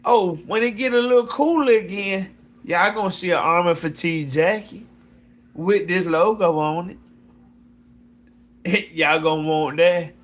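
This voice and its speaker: A man's voice: sits high, a little slow, a bit bright. A man talking loosely with his viewers about his clothing brand, repeating himself, breaking into whoops and laughs, and calling someone "sis". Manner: loose, repetitive, keeps addressing "sis". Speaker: fashion designer pitching his brand. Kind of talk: casual live chat with viewers.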